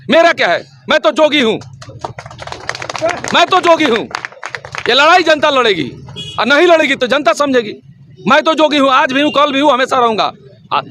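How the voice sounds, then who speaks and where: A man from Bihar, a local election candidate giving an impassioned campaign interview, forceful and rhetorical, hammering his slogans again and again. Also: extremely high pitch. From Siwan district, Bihar, India.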